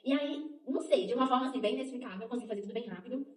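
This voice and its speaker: Young woman co-host, rapid and slightly high, animated faith chat, recorded from a distance in an echoey room. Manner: animated, laughing often, restarts phrases. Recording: roomy, from some distance.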